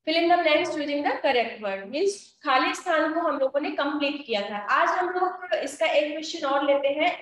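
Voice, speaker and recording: High-voiced Indian woman teacher, echoey. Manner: explains slowly, mixes Hindi and English. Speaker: school English teacher. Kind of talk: online class lesson. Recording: echoey, distant from the mic.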